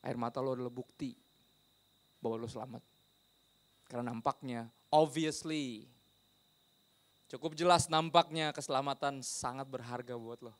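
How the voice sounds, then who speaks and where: A man's voice: mid-range voice, normal speed, long pauses. A man preaching a sermon as pastor, talking in a conversational way, slipping English phrases in and asking the audience questions.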